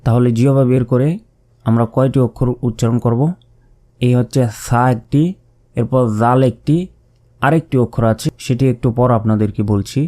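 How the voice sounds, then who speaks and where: A man's voice: mid-range voice, fairly even intonation, normal speed, dark tone. A man teaching how to pronounce Arabic letters, drawing each sound out and repeating it with patient explanations. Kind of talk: slow step-by-step pronunciation lesson.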